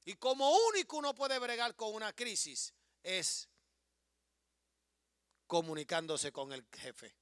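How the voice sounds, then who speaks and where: A man, preaching a sermon as pastor, moving from hushed storytelling to rising, impassioned declarations. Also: high-pitched, measured pace, pauses often, clean tone, dry recording, studio quality.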